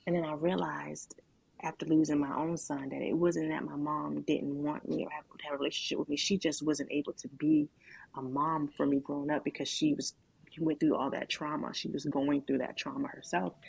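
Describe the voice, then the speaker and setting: A woman with a deep, gravelly voice tells her story as a guest giving candid, reflective testimony, restarting haltingly and saying "um" and "like" often. Her pitch barely moves, her tone is a little mellow, and the recording is dry and rough.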